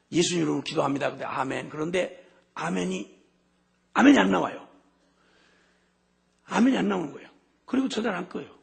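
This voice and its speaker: A middle-aged man preaching a sermon with passion, his voice swinging from hushed to shouting. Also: fairly high pitch, gravelly, husky. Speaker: missionary preacher.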